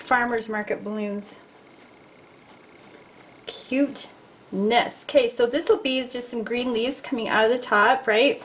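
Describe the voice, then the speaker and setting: A woman's voice: mid-range voice, a little hiss or hum. A middle-aged woman teaching a casual drawing lesson, chatty and playful, talking to her viewers as she sketches at a desk. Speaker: art teacher.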